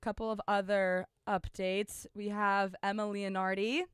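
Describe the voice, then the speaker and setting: A woman's voice: mid-range voice, little pitch movement, a little slow, smooth, no room sound, clean studio sound. A young woman co-hosting a sports radio show, upbeat and playful in casual chat. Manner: upbeat, playful, reads updates.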